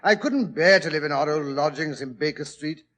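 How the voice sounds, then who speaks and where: An actor playing a genial, chatty English doctor telling old detective adventures in 1940s radio drama style. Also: male voice, a little high, normal speed. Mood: reminiscing. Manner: chatty, old-fashioned gentlemanly, expressive.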